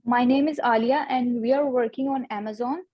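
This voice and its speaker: A woman student doing a practice call in halting English, hesitant and full of fillers, heard over a video call. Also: fairly high pitch, steady tone, highs cut off, a loud crowd. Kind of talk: role-play practice call.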